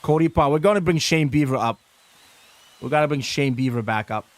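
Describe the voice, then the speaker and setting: A man's voice: on the high side, fairly quick. A young man chatting casually while livestreaming a baseball video game, reacting to viewer comments and swearing now and then.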